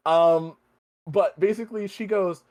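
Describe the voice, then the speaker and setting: A man hosting a podcast, chatting casually about a movie, animated, swearing freely and laughing often. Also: high-pitched, unhurried. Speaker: podcast host. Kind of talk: casual movie review chat.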